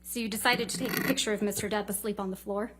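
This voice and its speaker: A woman's voice: medium pitch, fairly even intonation, quick pace, a bit bright, breathy edge. Pointed woman lawyer in cross examination. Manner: pointed, clipped leading questions ending in tag questions. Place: courtroom.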